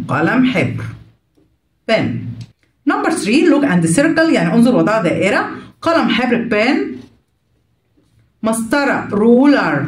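Lively Egyptian woman teaching children English. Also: fairly high pitch, far from the mic. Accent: Egyptian Arabic. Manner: slow, spelled-out English words followed by Arabic glosses; asks questions and answers them herself. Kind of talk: explaining a children's English workbook. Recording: echoey room, voice a little off the mic.

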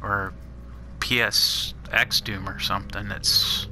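Slow and fairly low, his voice stays mostly flat in pitch yet sounds bright and forceful, over slight background noise. He's a gamer on a custom shooter map, casually narrating his let's-play and muttering relaxed remarks at each discovery.

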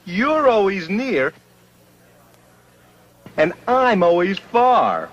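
A brash vaudeville comic in an old cartoon, high and swooping in pitch. He draws his words out slowly and theatrically, complaining and bickering over music. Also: big pitch swings, fairly bright tone, highs cut off, full character voice. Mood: indignant. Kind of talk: cartoon vaudeville sketch acting with sung lines.

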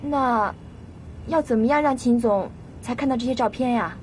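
A woman's voice: on the high side, moderate pace, faint music behind, natural voice. An actress playing an eager, fawning young female sidekick in a TV drama.

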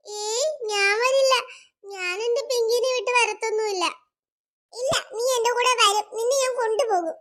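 A woman voicing childlike cartoon friends who bicker and make up. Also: very high-pitched. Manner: lively, bickering. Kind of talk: cartoon voice acting.

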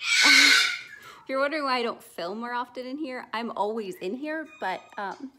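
This young adult woman, a pet sitter who vlogs, chats brightly to her pets at home while holding the camera out at arm's length. She speaks at a moderate pace in a high voice, and the recording is very noisy.

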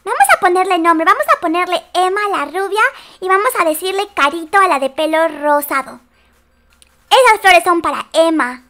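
A woman narrating a doll-game story in a casual, playful way, with excited gasps and exclamations. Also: very high-pitched, moderate pace, faint music behind. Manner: excited, exclaiming, gasping reactions.

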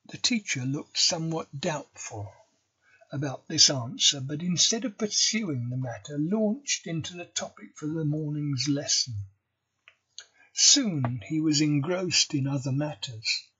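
A man reading a novel chapter aloud for English learners, slow and deliberate. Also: fairly high pitch, expressive, pushed and bright, breathy edge, highs cut off. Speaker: audiobook reader.

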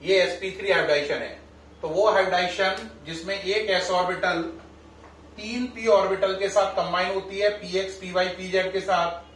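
A man's voice: high-pitched, a bit bright, a little hiss or hum. A middle-aged man teaching chemistry to students, calling them children and quizzing them as he goes. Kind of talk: classroom lecture. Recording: echoey room, mic at a distance.

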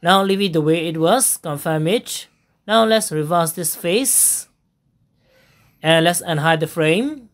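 Frequent uhs and pauses mark this slow software walkthrough, voiced by a woman with a somewhat low pitch. She gives step-by-step instructions as narration over a screen recording.

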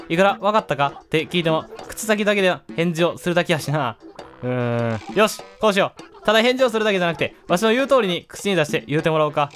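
A man acting out a short-tempered cartoon mole who scolds the player in a broad Kansai dialect. The gruff lecturing sits a little high and leaps around in pitch. Faint game music plays underneath. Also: fairly bright tone. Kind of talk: reading game dialogue aloud in character.

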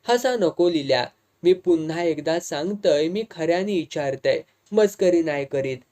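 Narrator voicing young village man, Malvani accent, insistent, hot-tempered, mellow voice, audiobook dialogue. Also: mid-range voice, animated, unhurried, natural voice. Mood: pressing.

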